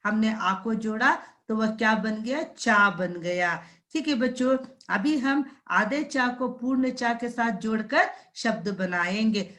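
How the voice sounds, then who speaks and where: A woman with a fairly high voice gives a slow, unhurried classroom lesson. She breaks words into single syllables and repeats them, and she keeps turning to the children to check they have understood. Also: fairly bright tone. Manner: drawn-out syllable-by-syllable pronunciation drills. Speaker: primary school Hindi teacher.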